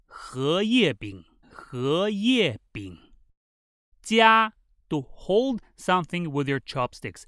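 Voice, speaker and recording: Very slow, clear language teacher. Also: medium pitch, sing-song, a bit bright, no echo, studio quality. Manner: clear, deliberate, repeats each word twice. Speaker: Mandarin teacher. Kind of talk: slow bilingual vocabulary lesson.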